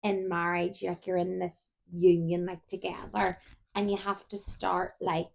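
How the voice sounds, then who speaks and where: A woman's voice: fairly low pitch, flat delivery, measured pace, vocal fry. A woman, co-hosting a casual chat show and telling stories while yawning often. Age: 30s. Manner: chatty storyteller, keeps yawning. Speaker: podcast co-host.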